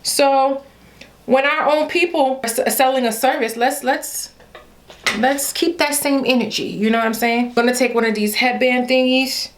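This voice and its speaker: This beauty vlogger, a young Haitian woman with a Haitian accent, talks straight to her audience with "y'all" in a relaxed, playful hair vlog. She sounds high-pitched, keeps her intonation fairly even, and talks at an ordinary pace, chatty throughout.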